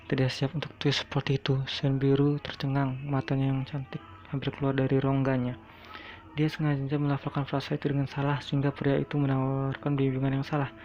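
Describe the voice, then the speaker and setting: Guy reading a web novel out loud, super flat, gravelly, muffled lo-fi sound. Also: medium pitch, fairly quick. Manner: monotone reading with small slips. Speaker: audiobook narrator. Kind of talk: reading a translated novel aloud. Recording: dull lo-fi recording.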